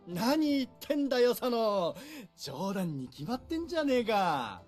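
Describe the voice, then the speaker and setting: An actor playing a brash, cheery young samurai captain in a visual novel, loud and blustering with rough slangy speech. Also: male voice, high voice, very animated, a little fast, soft background music. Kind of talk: Japanese visual novel voice acting.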